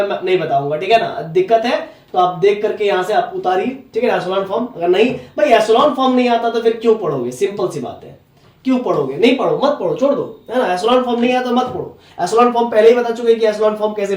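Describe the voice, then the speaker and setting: Blunt high-voiced male maths teacher, Jharkhand accent, recorded in an echoey room with the mic a bit far off. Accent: Hindi from Jharkhand. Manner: blunt, scolding, repeats "है ना?" and "ठीक है?". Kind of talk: classroom maths lecture.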